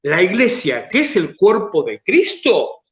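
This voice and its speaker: A pastor with an Argentine Spanish accent preaching a sermon, stretching key phrases for emphasis and then dropping to soft, low asides. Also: male voice, huge pitch swings, measured pace, reverberant.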